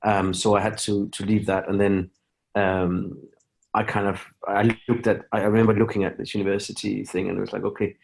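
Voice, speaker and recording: A middle-aged man from Denmark talks through his story as a podcast guest, in a fairly low voice. He stumbles and restarts often, piling up fillers as he goes. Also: flat delivery, vocal fry. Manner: halting, many restarts and fillers. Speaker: guest, company founder. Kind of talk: casual interview talk.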